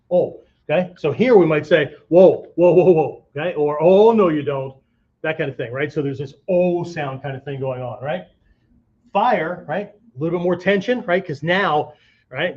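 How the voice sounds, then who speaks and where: With a slightly high, darkish voice, a man teaches martial arts informally, using vocal demonstrations and speaking in an emphatic, conversational style. He frequently checks in with whoever is listening. The audio sounds dull.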